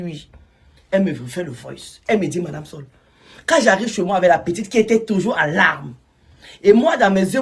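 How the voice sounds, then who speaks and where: Husky-voiced woman storyteller, emotional first-person retelling that drops to a hush. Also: mid-range voice. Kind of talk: retelling a listener's testimony.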